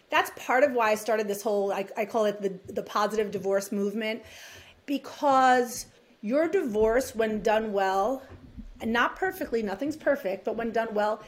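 On a podcast interview, a divorce mediator with a New York accent talks in a rambling, chatty way, dropping self-deprecating laughs. Her voice is a little high and moves at normal speed.

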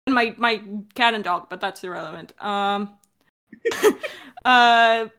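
A woman from Mexico with an American accent answers questions informally as an audio drama creator, explaining things in a casual chat. Her mid-range voice is bright and forceful, and she speaks slowly, hesitating and correcting herself.

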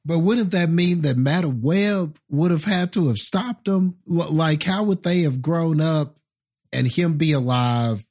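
A male podcast co-host talking through a film in a casual chat. His voice sits a little high, and he keeps asking questions with an animated, laughing energy. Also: unhurried. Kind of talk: casual movie review chat.

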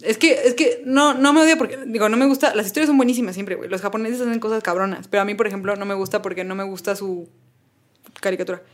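A woman's voice: mid-range voice, fairly even intonation, fast. A young woman with a Mexican Spanish accent, hosting a podcast in casual chat, slangy, blunt and joking. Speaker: podcast host.

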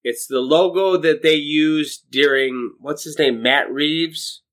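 A man's voice: on the high side, slow pace, fairly bright tone. A middle-aged man co-hosting a podcast, recapping a movie in a casual, rambling way with lots of swearing, fillers and restarts. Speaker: podcast co-host.

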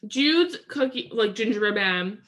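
A woman's voice: a little high, expressive, a little slow, a bit bright. A woman from Canada co-hosting a podcast, talking in an upbeat, chatty way with lots of "like". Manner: chatty, upbeat, heavy use of "like". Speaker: podcast co-host. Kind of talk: casual chat.

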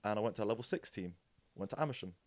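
A young Englishman guesting on a podcast tells lively, joking stories about his rugby years. He talks very fast in a slightly low voice, acting out quotes and laughing. The recording is dry and close, with no echo or room sound.

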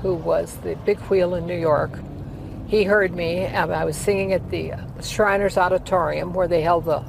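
A woman in her eighties, a former opera singer, rambles through memories in a casual life-story interview, full of pauses and "uh"s. Her lowish voice has fairly even intonation and vocal fry. She seems to be chatting outdoors, with heavy traffic and loud passing cars behind her.

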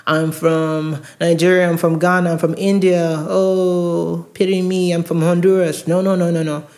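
A man from outside the US hosts an advice podcast for premed students, delivering a casual monologue earnestly and emphatically and often repeating words for stress. His voice is on the high side, level and darkish, at a moderate pace, captured on a handheld recorder mic.

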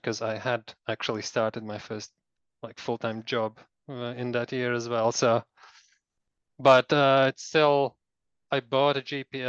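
A man's voice: mid-range voice, smooth, no room sound, dull audio. Male guest from Latvia, chatty anecdotal storyteller, dry close sound. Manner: rambling, many fillers and restarts. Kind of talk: casual interview storytelling.

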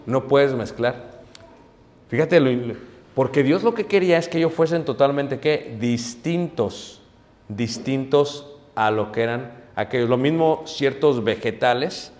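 A man's voice: medium pitch, big-room sound. A man preaching a humorous sermon, telling stories and laughing at his own jokes to the congregation.

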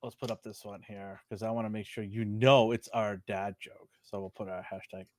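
A middle-aged man with a lowish voice co-hosts a podcast at normal speed. The chat is casual, and he's jokey and animated, laughing often.

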